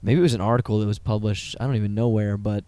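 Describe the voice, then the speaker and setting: A man's voice: on the low side, fairly even intonation, very fast, warm tone, dry recording. Dry-voiced man steering a podcast chat. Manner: steers the talk and wraps up with dry joking. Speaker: podcast co-host. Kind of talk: casual chat.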